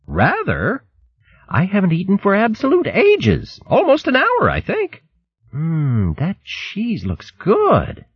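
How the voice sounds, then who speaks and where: A chirpy, eager young haremaid with a high, bouncing voice, as a man puts her on. Her speech rises and falls a lot. It sounds a little dull and lo-fi. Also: wildly swooping pitch, slow pace, husky, no room sound, heavily acted. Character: hungry young female hare, cheerful.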